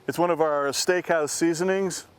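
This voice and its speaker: A man's voice: fairly high pitch, steady tone, normal speed, clear, resonant tone. A man hosting a cooking show on location, chatting in an upbeat, salesman-like way. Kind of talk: casual on-location chat. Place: outdoors at a field camp.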